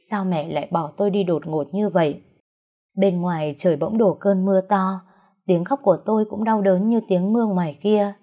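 Soft-toned woman narrating an emotional story. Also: lowish voice. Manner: emotional first-person storytelling, sobbing pleas in quoted lines.

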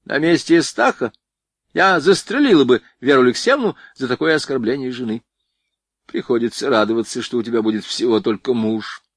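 A man's voice: medium pitch, brisk, no room sound, clean studio sound, lightly acted. A man voicing an outspoken, indignant young woman.

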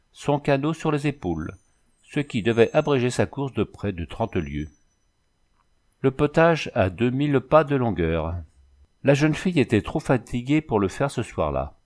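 A man narrating a novel as an audiobook in a measured, literary way. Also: mid-range voice, a little mellow.

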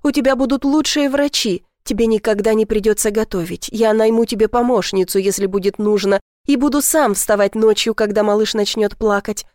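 A woman voicing a tender, adoring young boyfriend in a read-aloud story, speaking softly and slowly to reassure. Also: medium pitch, no room sound, studio quality, lightly acted. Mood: overjoyed.

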